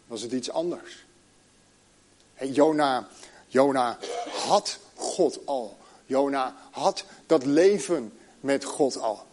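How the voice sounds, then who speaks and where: A middle-aged man preaching a sermon, telling a story and reading scripture slowly with long pauses. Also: high-pitched, a little mellow.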